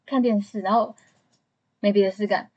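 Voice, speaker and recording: Husky-voiced woman telling a story. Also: medium pitch, fairly even intonation, moderate pace, a little mellow, highs cut off. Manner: storytelling, chatty and candid. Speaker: podcast co-host. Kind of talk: casual chat.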